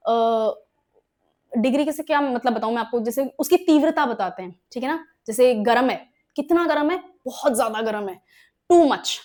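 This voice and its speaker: Young woman, Indian English accent, high pitch, explanatory exam-prep teaching, frequent check questions. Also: a little mellow. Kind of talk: exam-prep grammar lesson.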